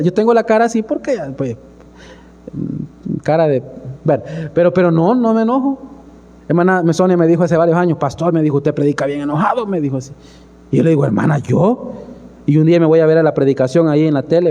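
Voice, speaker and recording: A man's voice: sits high, darkish tone. A man, preaching fervently as pastor and asking the congregation questions. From El Salvador. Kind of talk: sermon. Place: church hall. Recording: long church hall reverb.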